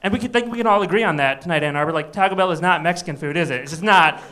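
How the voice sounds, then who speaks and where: A stand-up comedian from Michigan, USA, works a comedy club crowd during a live set, his voice high-pitched with a bright, forward edge. Speaking into a handheld mic, he keeps the banter loose, wry and chatty, aiming jokes straight at the room. Racing also comes up.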